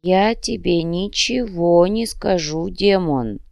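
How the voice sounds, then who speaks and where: A woman voicing a stern, dying old male monk who speaks slowly and curtly. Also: lowish voice, vocal fry, a little mellow, dry recording, studio quality. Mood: defiant. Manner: slow, weighty, curt speech. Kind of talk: audiobook character reading.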